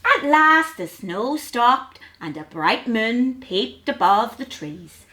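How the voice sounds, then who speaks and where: A woman reads a storybook to young children. Her narration is slow and sing-song, in a fairly high voice that rises and falls widely. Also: big pitch swings, pushed and bright. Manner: sing-song, deliberate phrasing.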